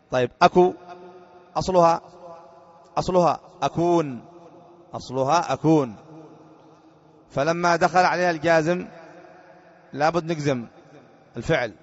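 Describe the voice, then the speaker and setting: A man teaching a grammar lesson as a sheikh, repeating each point and putting short questions to his students. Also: on the high side. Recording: dull lo-fi lecture recording.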